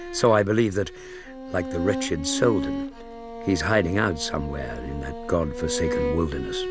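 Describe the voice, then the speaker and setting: A very low-voiced English gentleman doctor, earnest and loyal. He speaks in a grave, measured, well-spoken way, as in a radio drama with music behind. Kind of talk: radio drama acting with narrated letters.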